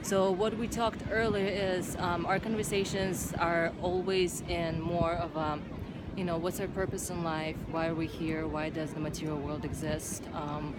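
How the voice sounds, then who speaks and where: A young woman speaks English into a handheld phone on a beach. Her voice sits a little low and her talk is thoughtful and unhurried, broken up by many "um"s. Loud outdoor noise from the beach runs behind her the whole time. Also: little pitch movement. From Uzbekistan. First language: Russian. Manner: thoughtful, hesitant with many fillers. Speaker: vlog host. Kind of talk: casual chat. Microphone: handheld phone camera.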